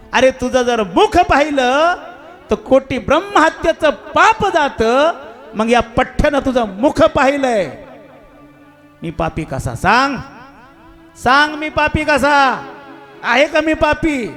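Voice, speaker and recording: Man putting on a loud defiant crocodile. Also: very high voice, lively intonation, slow pace, pauses often, soft background music, pitched above the performer's own voice, heavily acted. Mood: challenging. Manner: loud, taunting, challenging. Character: defiant male crocodile arguing with God.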